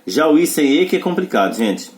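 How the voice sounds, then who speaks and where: A man's voice: on the high side, very animated, fairly quick, darkish tone. A man teaching a pronunciation lesson. He explains the rules step by step and checks with short questions that students follow. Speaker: English teacher.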